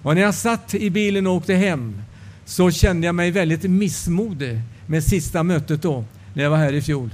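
A male preacher giving a sermon testimony, telling the story and acting out the dialogue. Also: sits high.

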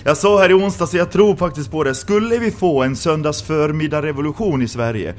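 A man's voice: a little high, a little hiss or hum. A man from Sweden preaching a sermon in a church, with impassioned rhetorical questions that rise to exclamations.

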